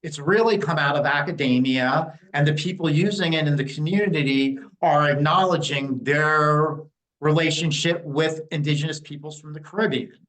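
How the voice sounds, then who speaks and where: A man's voice: a little high, normal speed, a bit bright, rough recording. A man in his fifties from New Jersey, giving blunt, opinionated answers in a candid interview, with frequent fillers. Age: 50s. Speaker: interview guest, Native community liaison.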